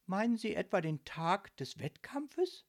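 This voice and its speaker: A woman voicing a young woman character who answers quickly and eagerly in a storybook reading. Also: mid-range voice, very animated, voice pushed up. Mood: earnest.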